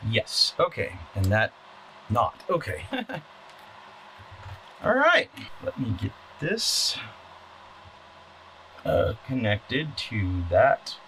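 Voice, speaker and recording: Over poor audio filled with clear background noise, clicking and clatter, an electronics repair hobbyist talks casually through his hands-on work for a video. Muttering and answering his own questions, he uses a bright, forceful, very animated mid-range voice, drawing out words and pausing at length.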